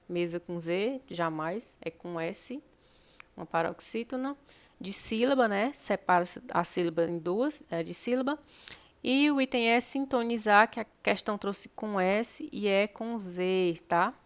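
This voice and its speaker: A woman's voice: medium pitch, clear, resonant tone. A Brazilian woman teaching an exam-prep lesson, explaining each answer step by step and often checking in with tag questions.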